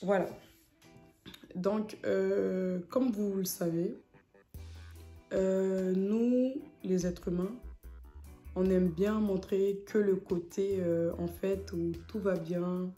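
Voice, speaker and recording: A woman's voice: medium pitch, fairly even intonation, takes it slowly, long pauses, mellow, reverberant, faint music behind. A young woman from French Guiana talking casually to camera as a vlogger, hesitant with many fillers.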